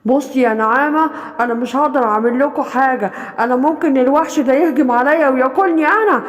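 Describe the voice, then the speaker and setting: Casting: woman voicing a low, gruff male wolf, self-serving and evasive, Egyptian accent, echoing room. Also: quick pace, close to an everyday voice. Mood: refusing. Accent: Egyptian Arabic. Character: cowardly selfish male wolf.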